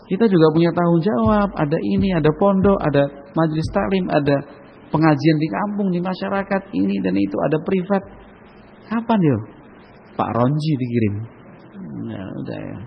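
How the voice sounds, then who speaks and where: Here the preacher's voice is high-pitched and creaky, at a moderate pace, with a little hiss or hum. He talks about religion in a relaxed, conversational way, seeks the audience's agreement, and drifts into Javanese, all in dull lo-fi sound with a long hall echo.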